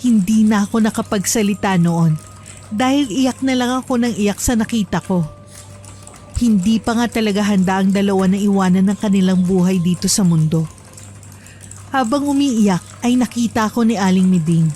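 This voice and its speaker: A woman narrating a true horror story in a calm, earnest storytelling manner. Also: medium pitch, normal speed, faint music behind.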